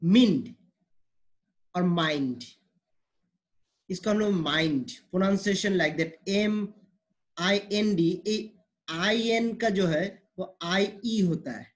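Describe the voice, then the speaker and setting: A man teaching English pronunciation, explaining slowly and repeating words, mixing with English phrases. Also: sits high. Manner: slow, repetitive explaining, mixing Hindi and English.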